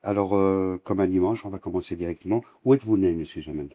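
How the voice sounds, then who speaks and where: A man's voice: sits low, quick pace, warm tone, lo-fi sound. A man hosting a podcast interview, formally welcoming his guest and asking questions. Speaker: podcast host.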